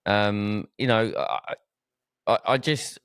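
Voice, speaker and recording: A man's voice: lowish voice, slow pace, fairly bright tone, clean tone, no echo, studio quality. A man from Essex with an Essex accent hosting a casual podcast chat, hesitating and repeating words as he goes. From Essex, England. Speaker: podcast host.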